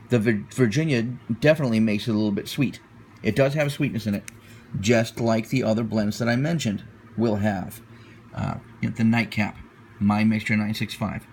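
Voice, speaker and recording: Searching for words, hesitating, and frequently repeating himself, a man reviews pipe tobacco in an unscripted, casual way. His voice is lowish with a darkish tone, and there's noticeable background noise.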